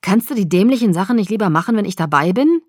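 A woman's voice: medium pitch, lively intonation, normal speed, no echo, clean studio sound. Woman doing an urgent, worried young man. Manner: urgent, pleading.

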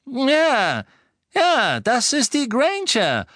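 An eager, impatient aristocratic wizard, put on by a man with a raised, loud, urgent voice. The words come out pressing and excited, recorded dry and close. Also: fairly high pitch, measured pace, no echo, pitched above the performer's own voice.

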